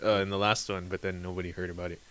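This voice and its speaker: Laid-back young dude with a lowish voice chatting and laughing on a podcast. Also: male voice, flat delivery, racing, fairly bright tone. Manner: easygoing, laughs a lot. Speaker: podcast co-host. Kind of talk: casual chat.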